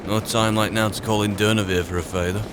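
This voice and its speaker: A man with a lowish voice and fairly even intonation speaks fast against a noisy background, his voice natural. On a let's play channel he roleplays a wry adventurer in a fantasy video game, improvising in-character narration and musing aloud to himself and his companions.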